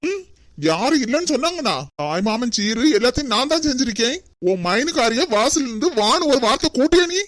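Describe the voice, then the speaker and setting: A woman's voice: high-pitched, very animated, a little fast, no echo. A woman with a Kanyakumari Tamil accent voicing a proud older brother in a cartoon, scolding his sister indignantly.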